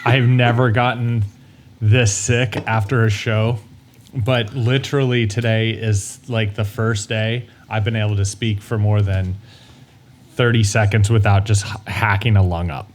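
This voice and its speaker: A man co-hosting a podcast while hoarse from illness, animated and stammering in casual chat. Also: fairly low pitch, a little slow, slight background noise. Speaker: podcast co-host.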